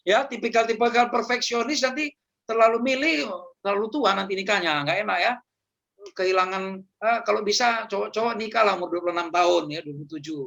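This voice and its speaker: A man's voice: sits high, a little fast, creaky, pushed and bright, lo-fi sound. A man giving a casual, joking talk on personality types to church youth, repeating words and laughing often. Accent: Indonesian. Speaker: youth seminar speaker.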